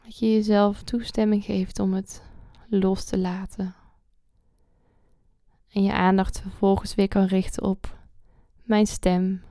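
A woman leading a guided meditation slowly and soothingly, close to the ear, her soft voice sinking into a breathy whisper at phrase ends. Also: medium pitch, flat delivery, no echo. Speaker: podcast host.

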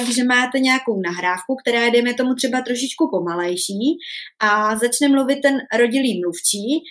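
A woman giving a casual spoken lesson on pronunciation, chatty and often checking in with her listeners. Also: a little high. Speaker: language teacher.

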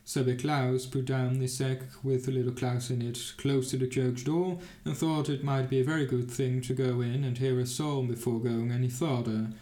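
A man narrating a fairy tale in a steady, even storytelling manner. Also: medium pitch. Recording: roomy, echoey room.

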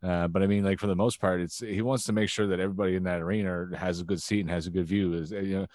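Deep-voiced, fast-talking male co-host. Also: no room sound. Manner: animated, says "you know what I'm saying" often. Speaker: podcast co-host. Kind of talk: casual sports chat.

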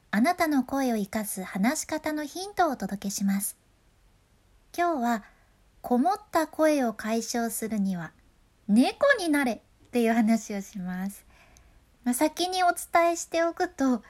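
Woman announcer; high, bright, chatty delivery for a casual voice lesson. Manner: chatty and upbeat, laughs often. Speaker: freelance announcer giving voice tips. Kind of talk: casual voice-training talk.

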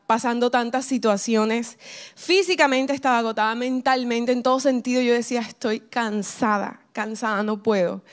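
Woman, sermon, earnest personal storytelling, high pitch. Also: clean tone. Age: adult with a ten-year-old son. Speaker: preacher.

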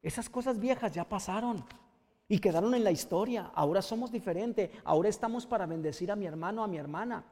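High-voiced pastor preaching in reverberant hall. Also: male voice. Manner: halting with frequent restarts, rising to loud impassioned preaching. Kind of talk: sermon.

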